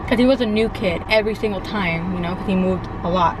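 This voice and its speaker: A woman's voice: mid-range voice, quick pace. A young woman from California, telling a story in a chatty, rambling way for a couple's vlog. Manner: chatty, rambling, lots of likes and restarts. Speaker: vlogger co-host. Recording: outdoor traffic noise behind. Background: street and car noise.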